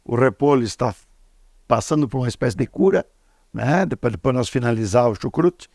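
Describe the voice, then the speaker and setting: A man's voice: mid-range voice, expressive, brisk, darkish tone, dry recording, studio quality. A man hosting a cooking show, chatting casually, asking questions and adding trivia. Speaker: host.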